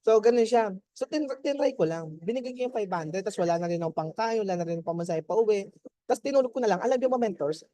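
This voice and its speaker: A man gives a motivational testimony to his team, mixing languages as he talks. His voice is mellow and warm, and the sound is close and dry. He chats freely and keeps checking in with his listeners. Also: high-pitched, animated, quick pace, no room sound. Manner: chatty, keeps checking in with "di ba?" and laughs.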